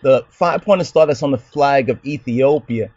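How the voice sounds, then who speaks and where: A man hosting his own channel answers a commenter in an argumentative, lecturing monologue, peppering it with rhetorical questions and a repeated "you understand?". His mid-range voice has a darkish tone and moves at normal speed. The recording is lo-fi with no echo.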